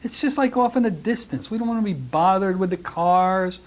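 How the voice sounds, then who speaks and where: A middle-aged man teaching a hypnosis class, relaxed and joking, with frequent restarts as he talks to the room. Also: sits high, normal speed. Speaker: hypnosis instructor. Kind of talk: classroom lecture with demonstrations.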